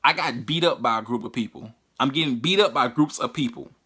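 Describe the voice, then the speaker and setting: Profane, halting man with a bright voice. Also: mid-range voice, husky. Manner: profane, halting, with frequent restarts. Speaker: vlogger. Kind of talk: casual personal storytelling.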